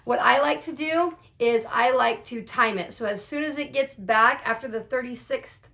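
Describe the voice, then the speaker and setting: A woman teacher talks through a classroom icebreaker in an upbeat, explanatory way. Her voice sits on the higher side, and she acts out the examples as she goes. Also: normal speed, creaky, a bit bright. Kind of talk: instructional explainer video.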